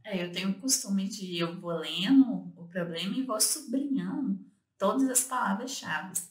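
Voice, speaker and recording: Lively woman explaining study tips. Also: medium pitch, moderate pace, roomy sound. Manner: explanatory, with frequent filler "é" and "né". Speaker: co-host giving study tips. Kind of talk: casual instructional talk.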